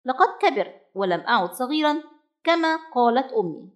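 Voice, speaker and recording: A woman's voice: high voice, big pitch swings, fairly quick. Woman voicing an eager hungry bird chick. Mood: earnest. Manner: pleading, then earnest and determined.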